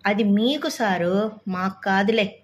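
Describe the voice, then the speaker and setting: A woman's voice: on the high side, measured pace, natural voice. A woman voicing a humble, pleading poor village man from the countryside, who speaks deferentially.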